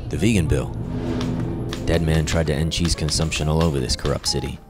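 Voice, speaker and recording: A man playing a hard-boiled ex-cop detective and narrating a comic noir parody, with deadpan, wisecracking delivery. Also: a bass voice, a little fast, music in the background.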